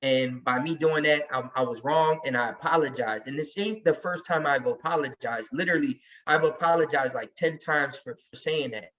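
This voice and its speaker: A man's voice: on the high side, moderate pace, few pauses, fairly bright tone. Heated man, distant and muffled. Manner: emphatic, heated storytelling. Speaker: sports podcast regular. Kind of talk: casual chat.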